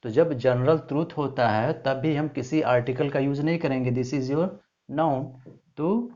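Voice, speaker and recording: A man teaching English grammar for an entrance exam, reading example sentences slowly, asking the class rhetorical questions and checking in often. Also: mid-range voice, a little mellow. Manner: asks rhetorical questions of the students; repeats "ठीक है" as a check-in. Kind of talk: exam-prep grammar lesson. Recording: dull lo-fi sound.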